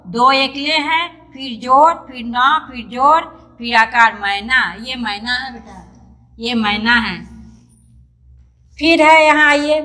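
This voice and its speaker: A woman's voice: high voice, pushed and bright. A woman teacher giving an online lesson to young children. She is patient and repeats herself often, spelling out words letter by letter. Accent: Indian, Hindi. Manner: patient and repetitive, calls pupils "beta", spells words out letter by letter. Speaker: primary school teacher.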